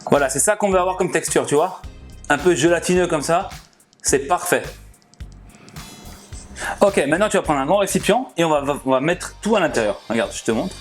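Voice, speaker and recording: A man's voice: on the high side, expressive, fairly quick, pauses often, faint music behind. A man hosting a casual cooking vlog, chatty and jokey, who often laughs and talks straight to his viewers. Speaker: cooking channel host.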